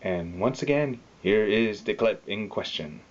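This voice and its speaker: A man narrating his vlog in a relaxed, chatty way. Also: fairly low pitch, a little slow, muffled recording, very noisy. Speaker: vlogger.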